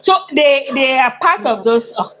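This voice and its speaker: A woman's voice: high voice, expressive, moderate pace. A woman from Nigeria telling her personal story in casual conversation, emotional, laughing often and repeating herself. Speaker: guest sharing her story. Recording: muffled lo-fi sound.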